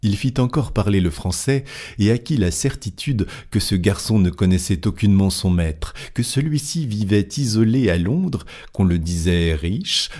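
A man reading a classic novel aloud as narrator, steady and even. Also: low-pitched.

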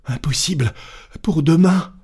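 A man's voice: fairly high pitch, unhurried, warm tone, husky, pitched above the performer's own voice. A man voicing a frantic, breathless male manservant who stammers in panic, as an audiobook character voice. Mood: panicked.

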